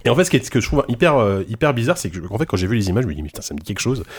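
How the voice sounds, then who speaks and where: A man's voice: medium pitch, very animated, rapid-fire, slight background noise. A man hosting a video game podcast, rambling casually with many restarts. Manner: rambling, many restarts and fillers, laughs often. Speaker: podcast host.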